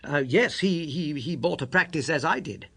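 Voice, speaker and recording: A man voicing a genial, modest young British doctor in an audiobook, husky and amiable, a little hesitant and puzzled. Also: fairly high pitch, animated, moderate pace, fairly bright tone, voice pushed up, heavily acted. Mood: eager, hesitant.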